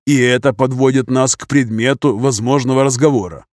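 A man voicing a gruff male army colonel who talks in a dry, ironic, grumbling way. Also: medium pitch, fairly even intonation, brisk, a little mellow, no room sound, close to an everyday voice.

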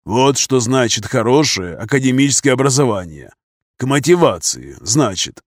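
A man voicing a gruff male army colonel who talks in a dry, ironic, grumbling way. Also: medium pitch, very animated, moderate pace, no room sound.

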